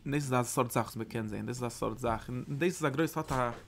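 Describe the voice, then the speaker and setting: Man, gravelly voice, mid pitch, Torah teacher, halting speech, repeats phrases. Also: a little hiss or hum. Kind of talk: study lesson on mystical texts.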